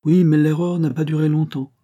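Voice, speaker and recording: A man's voice: on the high side, little pitch movement, a little fast, warm tone, voice pushed up, natural voice. A man reading the part of a haughty, suspicious male prince in an audiobook, speaking in a commanding manner.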